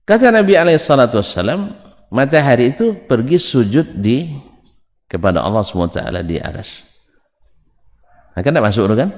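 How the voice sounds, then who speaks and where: A man giving a religious lesson, joking and teasing his listeners with rhetorical questions. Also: medium pitch. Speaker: Islamic religious teacher. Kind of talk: religious lecture with banter. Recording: long hall reverb.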